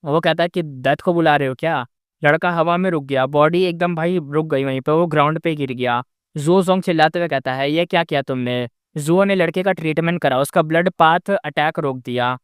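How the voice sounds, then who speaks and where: A man's voice: a little high, fairly quick, clean tone, dry recording, clean studio sound. A man narrating a novel recap in a casual way, with chatty asides to the listener. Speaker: story narrator.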